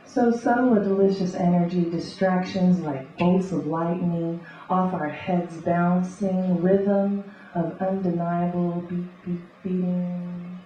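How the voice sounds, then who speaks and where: A woman reading beatnik spoken-word poetry live, in rhythmic, deliberate, short clipped phrases. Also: on the low side, steady tone, warm tone. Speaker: poet and conceptual artist. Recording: echoey live room, distant muffled mic, faint noise.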